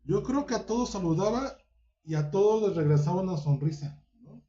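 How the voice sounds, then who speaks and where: A man delivers a Bible study sermon in a very dark, mellow voice pitched a little high. He keeps asking his listeners direct questions and slips into the voices he quotes. The recording is roomy and dull, with a lo-fi edge. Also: expressive, a little fast. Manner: asks listeners many direct rhetorical questions; acts out quoted voices within the teaching. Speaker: preacher.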